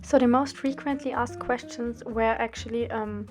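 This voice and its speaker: Young woman, somewhat high voice, careful scripted voice-over, soft guitar music faintly behind. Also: moderate pace. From Austria. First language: German. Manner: careful, steady, read-out delivery. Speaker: art student and drawing channel host. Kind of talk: scripted voice-over narration for a drawing video.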